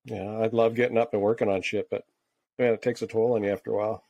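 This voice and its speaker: A man's voice: on the low side, flat delivery, fast, gravelly, a little mellow, no room sound, dull audio. A man co-hosting a casual podcast chat, laid-back and laughing often, swearing freely. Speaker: podcast co-host, tattoo artist.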